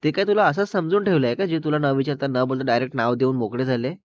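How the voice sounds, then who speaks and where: A man's voice: mid-range voice, steady tone, quick pace, no room sound, lightly acted. A man playing a hot-tempered, defiant young man, in a dull, dry recording. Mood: angry. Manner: angry, defiant.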